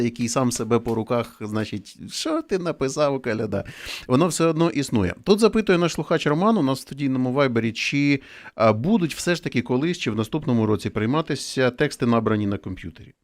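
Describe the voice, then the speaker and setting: A man hosting a live radio talk show, reading out listener messages in a relaxed conversational way. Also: medium pitch. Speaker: radio host.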